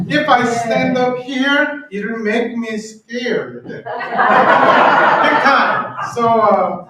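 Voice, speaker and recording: A man's voice: high voice, background noise. A man in his fifties with a Korean accent, a church organist talking casually to a congregation, hesitant and self-deprecating with a joking edge. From South Korea. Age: 50s. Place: church hall. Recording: echoey hall from far off.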